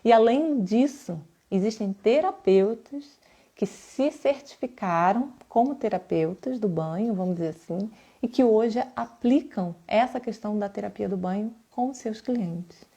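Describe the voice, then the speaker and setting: A woman's voice: mid-range voice, unhurried, dark tone. A woman with a Brazilian Portuguese accent who teaches bath therapy. She gives a live class in a chatty way, uses personal examples and often checks in with her audience. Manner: conversational, with frequent tag questions to the audience.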